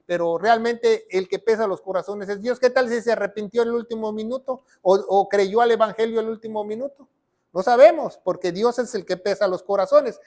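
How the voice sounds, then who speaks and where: A preaching man, teaching a sermon. He keeps asking the listener rhetorical questions. He reads Bible verses aloud as he explains them. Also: high voice.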